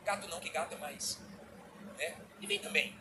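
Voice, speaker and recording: A middle-aged man with a Brazilian Portuguese accent preaching a sermon as a bishop, animated, acting out little dialogues. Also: fairly high pitch, moderate pace, noisy background.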